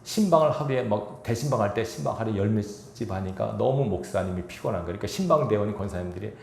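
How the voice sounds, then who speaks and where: A male pastor preaching a sermon, animated, acting out quoted speech and asking the congregation questions. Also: on the low side, quick pace, vocal fry, echoey room, slight background noise. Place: church sanctuary.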